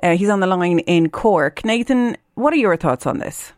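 A woman with an Irish accent hosts a radio phone-in in a conversational way. Her voice sits a little low, and the studio sound is close and dry. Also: lively intonation, normal speed, a little mellow, no room sound. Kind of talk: conversational live radio hosting.

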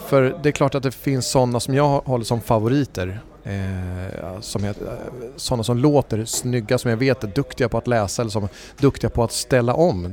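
A man who runs a voice agency, speaking in a relaxed interview. He thinks aloud as he goes, pausing on fillers and restarting phrases, at a mid pitch typical for a man. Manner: thoughtful, hesitant with fillers and restarts. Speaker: voice agency CEO and voice-over speaker. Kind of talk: conversational interview.

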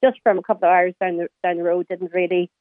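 Fast-talking Donegal Irish woman on the phone. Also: fairly low pitch, little pitch movement, no room sound. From County Donegal, Ireland. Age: late 30s. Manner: chatty, informal. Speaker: radio phone-in caller. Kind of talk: personal reminiscence in casual conversation. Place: phone call to a radio show. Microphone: telephone. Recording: tinny phone line.

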